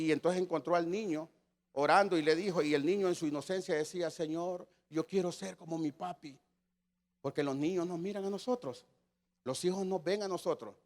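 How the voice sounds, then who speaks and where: A man's voice: on the high side, a little mellow. A man, teaching a church sermon emphatically and repeating words as he searches for his phrasing. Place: church meeting.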